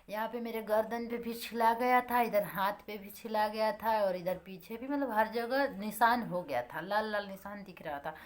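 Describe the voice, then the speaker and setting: Young woman telling her story. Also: fairly high pitch. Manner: plain, repetitive recounting that addresses viewers as friends. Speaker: vlogger. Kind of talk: personal storytelling vlog.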